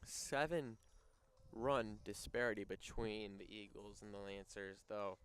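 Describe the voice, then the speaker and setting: A young man doing play-by-play for a high school baseball game, bantering with his partner between pitches. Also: steady tone, measured pace, fairly bright tone, smooth. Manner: banters and teases his co-announcer. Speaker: play-by-play announcer.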